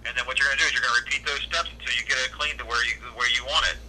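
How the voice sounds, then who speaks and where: Heard through phone-line audio with a crowd in the background, an American service worker delivers practical advice rapid-fire. His mid-range voice holds a steady tone, and he stays patient, plain-spoken and matter-of-fact.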